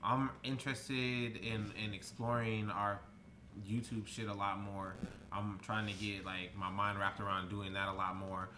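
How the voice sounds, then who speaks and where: A man chatting casually as a podcast co-host, lively and quick, often acting out what other people say. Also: lowish voice, background noise.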